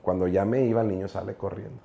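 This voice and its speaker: Here a middle-aged man with a Mexican accent, appearing as a guest preacher, tells stories during a casual interview, earnest and meandering with many fillers. He's a fast talker whose low, gravelly voice stays steady and mellow.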